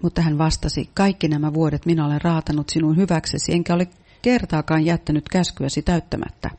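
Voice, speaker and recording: A man's voice: a little high, level tone, a little mellow. A man interpreting a sermon, reading each translated passage steadily.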